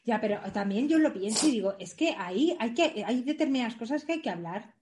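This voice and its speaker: Bawdy woman podcast co-host, thirties, slightly high voice, joking chat. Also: animated, a little fast, darkish tone, slight background noise. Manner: bawdy, joking, frequent laughter. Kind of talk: casual chat.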